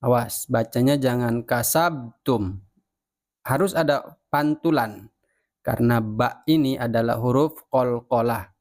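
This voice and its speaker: A man giving a patient tajwid lesson, repeating each example slowly and correcting common mistakes. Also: medium pitch, darkish tone. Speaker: Quran recitation teacher. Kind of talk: slow step-by-step tajwid lesson.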